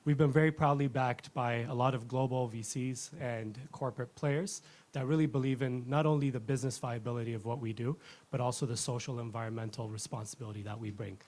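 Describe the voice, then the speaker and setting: A man in his thirties from Ethiopia, giving a rehearsed pitch as a company founder in an earnest, fluent way. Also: steady tone, brisk, a little mellow.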